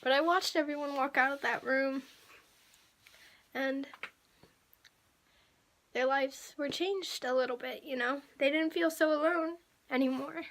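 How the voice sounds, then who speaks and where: High, bright-voiced young woman vlogger. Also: steady tone, measured pace, long pauses. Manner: emotional, breaks into laughs and sighs. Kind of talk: personal storytelling vlog.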